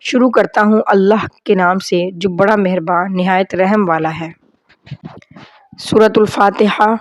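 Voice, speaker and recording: A woman teaching prayer pronunciation, reciting slowly and drawing out each word, then explaining quickly in a plain voice. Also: mid-range voice, steady tone, no echo. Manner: slow drawn-out recitation, brisk explaining. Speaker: Quran teacher. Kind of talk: pronunciation lesson.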